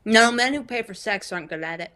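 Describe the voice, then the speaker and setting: Woman playing a bright, airy, clueless young woman. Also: medium pitch, expressive, quick pace. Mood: flat. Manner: airy, matter-of-fact and clueless. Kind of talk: improv comedy character.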